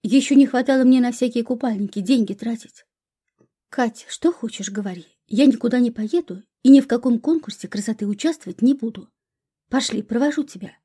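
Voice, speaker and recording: Woman doing a tired sensible young girl grumbling, a little high pitched. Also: fairly quick, dark tone, breathy edge.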